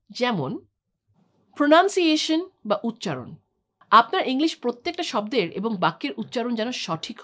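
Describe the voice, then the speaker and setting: Bright-voiced woman explaining with lively pitch. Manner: clear, explanatory, lists points one by one. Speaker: English trainer. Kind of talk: scripted instructional talk.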